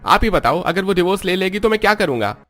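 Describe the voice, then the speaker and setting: A man's voice: high voice, animated, fast, bright, forceful tone, faint music behind, pitched above the performer's own voice. A man voicing a frustrated young husband who complains in an exasperated, whiny way, in a cartoon story.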